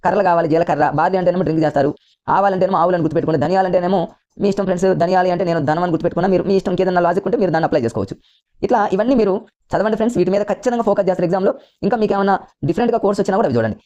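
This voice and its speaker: A man with a Telugu accent runs an exam coaching lesson at a breakneck pace, his mellow voice coming through a dull, lo-fi recording. He keeps repeating points and calls his listeners friends. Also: high voice. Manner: rapid, repetitive, keeps addressing listeners as friends. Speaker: teacher.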